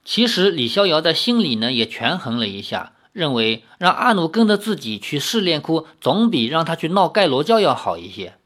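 Audiobook narrator, novel reading, expressive storyteller, lively intonation. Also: medium pitch, normal speed, few pauses.

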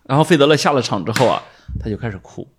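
A man's voice: mid-range voice, lively intonation, racing, slight background noise. A man chatting casually in a podcast, telling a story with lots of fillers and small laughs. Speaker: tennis fan guest.

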